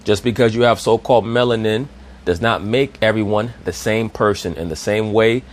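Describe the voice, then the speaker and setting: An online commentator with a lowish voice delivers a preachy monologue at a moderate pace. He addresses listeners as brothers and poses rhetorical questions.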